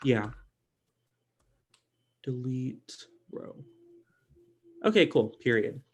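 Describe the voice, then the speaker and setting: A man leads an online language class, talking loosely and stopping often to restart his sentences. His voice sits in a middle range for a man. He fills his pauses with plenty of ums and likes. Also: medium pitch, lively intonation, husky, highs cut off. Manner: casual, halting, many fillers. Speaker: teacher.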